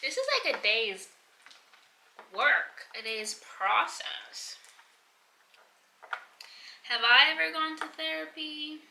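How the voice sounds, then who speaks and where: A young woman vlogging casually while doing her nails, chatty and full of "like" fillers, thinking out loud and sometimes dropping to a whisper. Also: high-pitched, takes it slowly, vocal fry, long pauses. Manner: chatty, lots of "like" fillers, thinking aloud, drifting into soft whispers. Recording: roomy echo, faint background noise.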